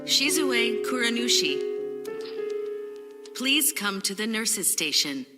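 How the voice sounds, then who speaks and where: Intercom page: soft, slow hospital announcer over a loudspeaker, distant and echoing. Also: female voice, fairly high pitch, very animated, over loud music. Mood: calm. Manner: slow, measured, soft paging delivery. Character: calm woman paging over a hospital intercom. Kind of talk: game voice acting. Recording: echoey intercom page heard from far off.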